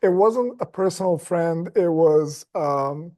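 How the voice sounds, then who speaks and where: A man speaking as a guest on a podcast, casual and measured, often restarting his sentences. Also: fairly high pitch, warm tone. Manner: measured and slow, with frequent restarts and "like" fillers. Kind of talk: casual chat.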